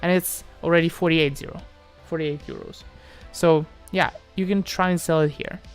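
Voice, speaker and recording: This Moldovan streamer chats informally as he responds to viewers, with soft music in the background. His slightly high voice keeps a steady tone at a moderate pace. He sounds hesitant, frequently repeating words and trailing off.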